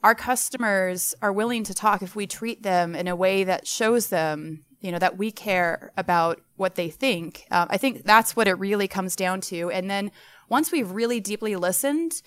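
Smooth-voiced woman guest, eager and talkative. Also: mid-range voice. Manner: enthusiastic, talks in run-on explanations with fillers. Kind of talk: podcast interview answers.

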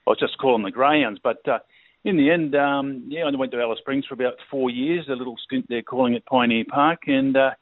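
A man's voice: medium pitch, brisk, dry recording. A middle-aged Australian man from New South Wales, a race caller telling his story in a laid-back, rambling way with lots of fillers. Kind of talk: casual interview. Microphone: phone. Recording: tinny phone line, dry.

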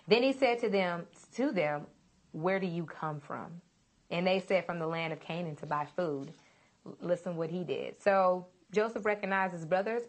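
A woman giving a casual sermon, reading scripture aloud in an earnest, chatty way and often calling her listeners "you guys". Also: lowish voice. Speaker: Bible teacher.

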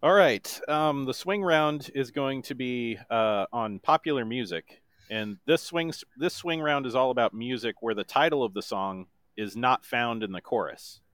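Man, podcast quizmaster, flat deadpan delivery, dry close-miked sound. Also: medium pitch, no room sound. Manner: reads lyrics in a deliberate monotone. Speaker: quiz host.

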